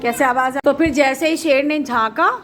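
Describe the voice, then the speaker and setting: Woman storyteller, high voice, lively, quizzes the kids, for a children's storytime. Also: moderate pace, a little hiss or hum. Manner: lively, asks the children questions.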